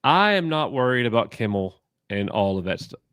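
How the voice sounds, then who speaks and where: Man hosting a live news chat, animated pitch, dry close sound. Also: normal speed, clear, resonant tone, no echo. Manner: moves the talk along, asks questions. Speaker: host.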